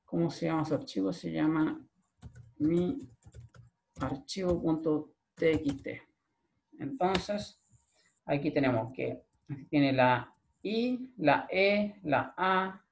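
Chilean man teaching with a gravelly voice. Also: a little high, extremely slow, pauses often. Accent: Chilean Spanish. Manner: explains step by step, checks in with a frequent "¿ya?". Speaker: programming lecturer. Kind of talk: recorded screen-share class.

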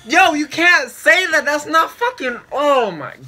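Young man in bright, shocked laughter. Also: extremely high pitch, animated, measured pace. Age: young adult. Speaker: reaction video host. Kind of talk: casual profane reaction commentary. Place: small bedroom indoors.

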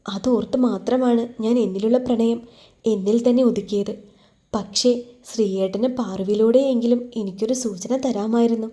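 A woman's voice: on the high side, dark tone, lightly acted. A woman voicing a shy, coy young bride in a storybook romance.

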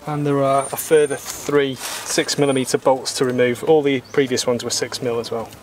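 A British sailor in his thirties works on his boat outdoors in a garden workshop, explaining each repair step at a moderate pace. He's calm, methodical and plain-spoken, occasionally blunt and mildly opinionated, with an even, level pitch. A faint background hum comes through the outdoor camera mic.

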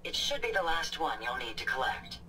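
A woman's voice: low voice, very animated, a little fast, bright, forceful tone, slight background noise, full character voice. An actress playing a polite, helpful female robot companion who speaks in a formal, precise way. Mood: calm, formal. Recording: game audio from far off over music.

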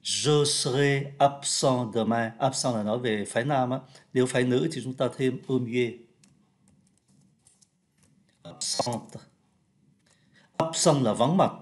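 A man from Vietnam gives a French pronunciation lesson. He speaks each phrase slowly and carefully, then explains it briskly. His voice is mid-pitched and his tone is plain and friendly. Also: darkish tone. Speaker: French teacher.

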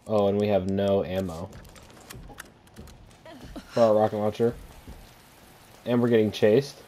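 Male horror streamer: low-pitched, slangy, sweary, rattled and panicky, some background noise. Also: fairly even intonation, a little slow, mellow. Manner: casual slangy talk with swearing. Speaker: video game streamer. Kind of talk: live horror game commentary, casual chat.

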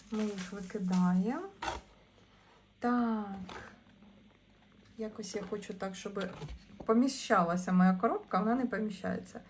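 A woman talks through an unboxing in a relaxed, chatty way, pausing on fillers and restarting her thoughts. Her voice sits at a middling pitch. A faint hiss of background noise stays under her voice. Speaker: vlogger unboxing tarot and esoteric goods. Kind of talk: casual unboxing chat.

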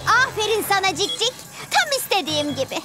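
An extremely high voice for a scheming young villain girl. The delivery is theatrical and mocking, made for a children's cartoon. Loud, tinkling music plays underneath. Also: big pitch swings, brisk. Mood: gloating. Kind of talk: animated children's cartoon dub.

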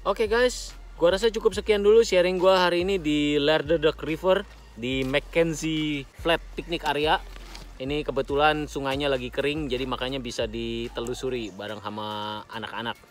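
A relaxed, chatty man in his thirties speaks with an Indonesian accent and informal slang. He hosts a casual travel vlog outdoors in bushland, holding his phone at arm's length as he talks. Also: fairly high pitch, moderate pace, soft background music. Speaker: vlogger host. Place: outdoors by a dry riverbed in bushland.

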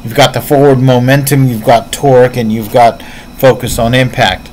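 A man's voice: mid-range voice, little pitch movement, normal speed, darkish tone, slight background noise, rough recording. A man giving casual reaction commentary on martial arts, explaining his points earnestly while thinking aloud.

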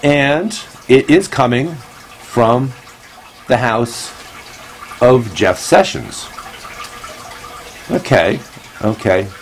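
A man's voice: medium pitch, animated, extremely slow, long pauses, a little hiss or hum, low-quality recording. A man hosting a comedy show, rambling and meandering as he talks, recorded on a phone at home. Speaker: host. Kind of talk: comedic monologue.

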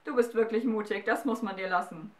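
Eine Frau spricht einen stolzen, befehlsgewohnten Feuerriesen mit drohendem Ton. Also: female voice, medium pitch, a little fast, reverberant, distant mic, close to an everyday voice. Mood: herablassend. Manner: commanding, menacing. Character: fiery male giant ruler, proud and threatening.

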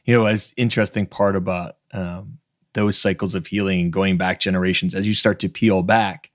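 A Maritimes man in his thirties hosts a casual podcast interview over a video call from a home room with bookshelves, speaking frankly and emphatically and swearing freely. His voice sits low with fairly even intonation and a moderate pace, captured cleanly on a stand-mounted studio mic with no echo.

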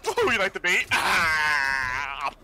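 A young man streaming a fighting game match, excitable and laughing, swearing and trash-talking his opponent. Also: on the high side. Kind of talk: casual live gameplay banter.

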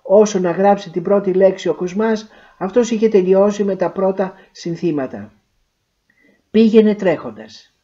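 Woman narrator, literary story reading, measured and expressive, dark mellow voice, dull lo-fi recording. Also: mid-range voice.

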